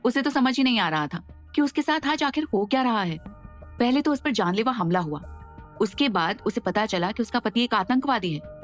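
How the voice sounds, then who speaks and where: A woman giving steady, expressive scripted narration for an audio drama. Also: on the high side, normal speed. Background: faint background music.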